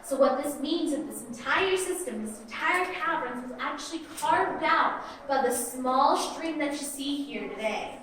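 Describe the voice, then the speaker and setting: A woman's voice: high-pitched, expressive, measured pace, hardly any pauses, a bit bright, a little hiss or hum. A woman working as a cave tour guide, explaining things directly to a group of visitors, recorded inside a cavern on a distant microphone. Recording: echoing cave, voice far from mic.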